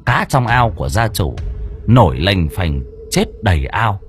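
A man's voice: fairly low pitch, very animated, unhurried, soft background music. A man narrating a folk ghost story for an audio book, telling it dramatically.

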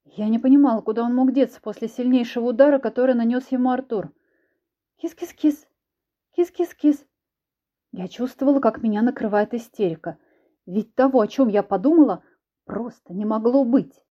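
A woman narrating an audiobook in an even, measured manner. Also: fairly high pitch, muffled recording.

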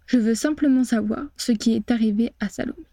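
A woman voicing a steady, wary male wizard investigator in an audiobook, speaking firmly and with control. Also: on the high side, brisk, no room sound. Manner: firm and controlled.

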